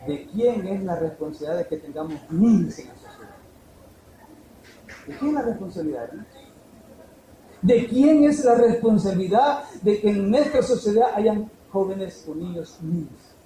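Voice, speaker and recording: A man preaching a fervent sermon, swinging from emphatic peaks down to low, quiet lines. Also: lively intonation, moderate pace. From El Salvador. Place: church hall. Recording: echoey church room, faint noise.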